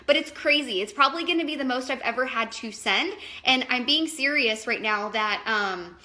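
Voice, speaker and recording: High bright chatty woman rambling live. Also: lively intonation, moderate pace. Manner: rambling, chatty, filler-heavy. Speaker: wellness coach. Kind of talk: casual live video chat. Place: at home, indoors.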